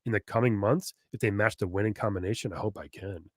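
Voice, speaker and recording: A man co-hosting a casual podcast, laughing a lot, swearing casually and throwing in quick asides while reading old magazine letters. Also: lowish voice, no room sound, studio quality. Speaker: podcast co-host.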